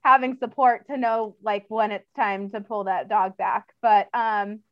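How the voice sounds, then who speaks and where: A woman's voice: mid-range voice, steady tone, a little slow, no room sound. A woman who trains dogs, speaking as an interview guest in a casual, chatty way, full of fillers and laughter, on slightly dull audio.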